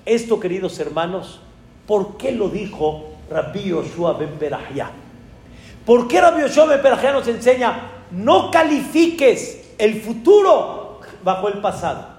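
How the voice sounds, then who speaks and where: A man with a Mexican accent, a rabbi telling a story in a sermon with animated, dramatic exclamations. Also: very high-pitched, roomy sound, big-room sound.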